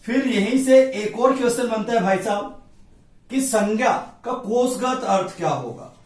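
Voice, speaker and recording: A man's voice: very high-pitched, expressive, a little slow. A male Hindi grammar teacher giving an exam-prep lecture at a board, drilling each point by asking a question and answering it himself. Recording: echoey room, voice from a distance.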